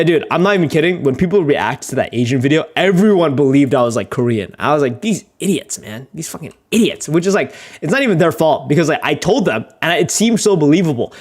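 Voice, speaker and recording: Editing live on stream, a young adult creator rambles through casual conversation, cracking jokes about himself. There's occasional swearing and lots of laughter, and he gets louder and higher-pitched as he tells stories.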